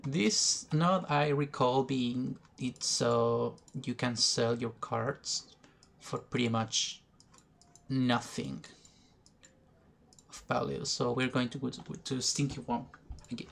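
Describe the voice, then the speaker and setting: A man talks through his card game turns in an unhurried, gravelly voice, pausing to think and often restarting his sentences. The recording is rough, with a faint hiss and soft clicks underneath. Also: medium pitch, steady tone. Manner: slow, thinking aloud with pauses and restarts. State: has the hiccups. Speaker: gaming video creator. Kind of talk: educational gameplay commentary. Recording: faint background noise, poor recording.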